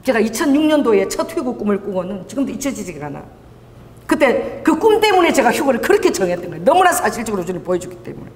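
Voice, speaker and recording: A middle-aged woman pastor preaching a sermon, telling stories with lively delivery and acting out dialogue. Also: fairly high pitch, fast. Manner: animated storytelling, acting out dialogue. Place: church sanctuary. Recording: church hall reverb.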